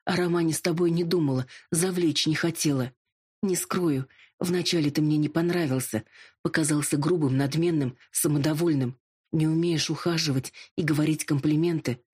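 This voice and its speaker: Narrator doing a sharp young lady detective, teasing, husky, audiobook. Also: mid-range voice, fairly even intonation, voice pushed up, close to an everyday voice. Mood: tender confession. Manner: teasing and quick-witted.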